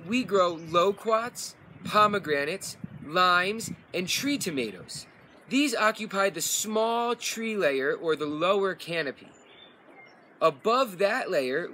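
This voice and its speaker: A young man's voice, high-pitched, pushed and bright, with a slight hiss or hum. Outdoors on a farm among gardens and animal pens, he gives a tour, steadily and methodically explaining how the place works, captured by a camera a few meters off.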